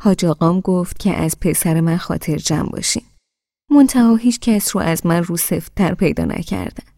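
A woman's voice: fairly low pitch, warm tone, dry recording, studio quality. Woman playing a sweet, hesitant old grandmother. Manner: hesitant, stops and restarts. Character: sweet-talking elderly grandmother, gentle and hesitant.

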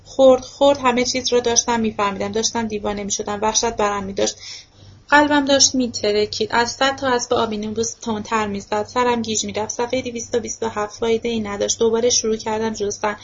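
A woman narrating a novel for an audiobook in a steady first-person voice. Her voice sits fairly high, and the recording is dull and muffled, as if lo-fi. She reads at an even, unhurried pace. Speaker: audiobook reader.

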